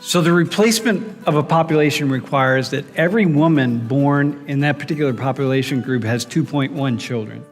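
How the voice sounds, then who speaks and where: A university professor lectures in a large hall, questioning students directly and frequently restarting his sentences. His mid-range voice moves fairly quickly with hardly any pauses. The hall is reverberant, and music plays in the background.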